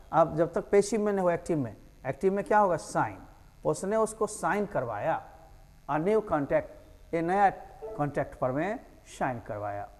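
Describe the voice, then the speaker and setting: A man's voice: high-pitched, a little mellow, big-room sound. A man with an Indian accent explaining English grammar for an exam, asking and answering his own questions. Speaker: teacher.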